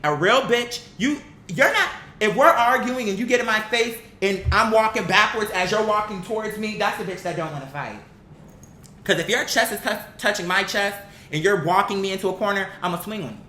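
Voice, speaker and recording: Speaking a little fast in a pushed, bright voice, the young adult commentator vents a blunt, frustrated opinion online, cursing casually and repeating lines for effect. The room sounds echoey, with a low rumble underneath.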